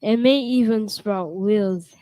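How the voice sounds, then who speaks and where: Woman playing a gentle lonely old inventor man. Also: mid-range voice, slow, no echo, close to an everyday voice, rough recording.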